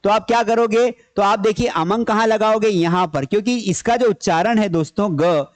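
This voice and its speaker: In a high voice at normal speed, a man delivers a grammar lecture, going over key points again and again. He raises questions only to answer them himself, explaining in Hindi with English terms mixed in.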